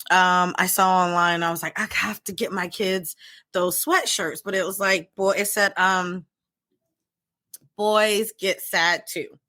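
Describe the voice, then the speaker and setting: A middle-aged woman, a therapist co-hosting a podcast, chatting casually and telling stories with lively quoted asides. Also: on the low side, moderate pace, no room sound. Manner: animated, storytelling with quoted asides. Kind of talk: casual chat.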